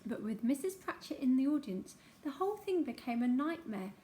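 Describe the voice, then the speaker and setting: A woman narrating a childhood memoir aloud in an expressive storytelling manner. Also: high-pitched, normal speed, very noisy.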